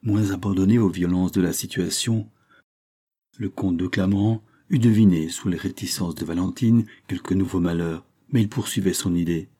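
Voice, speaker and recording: Deep husky male audiobook narrator. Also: fairly even intonation, normal speed, mellow. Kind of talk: scripted narration of a classic novel.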